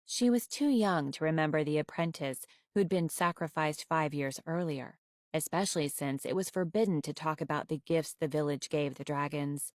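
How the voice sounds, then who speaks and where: A woman reading a children's novel aloud with expressive, wry storytelling. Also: low voice, normal speed, no room sound, studio quality.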